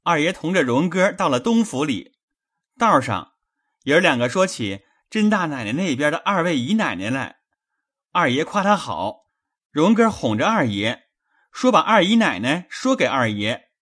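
A woman voicing a frightened young male servant who pleads and hurries through his confession in a lowered voice. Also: very animated, moderate pace, fairly bright tone, husky, full character voice. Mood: cowering, pleading.

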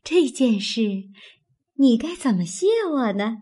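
A woman's voice: a little high, lively intonation, measured pace, mellow, husky. A woman voicing a sly, teasing young maid. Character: young maidservant, sly and playful. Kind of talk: audiobook of a classic novel.

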